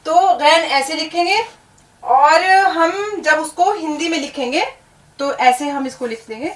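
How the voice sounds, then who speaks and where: A woman's voice: sits high, reverberant, far from the mic. A woman teaching a language lesson, patiently spelling out words, repeating them and checking with the learner. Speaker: Urdu teacher. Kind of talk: classroom lesson on letters and words.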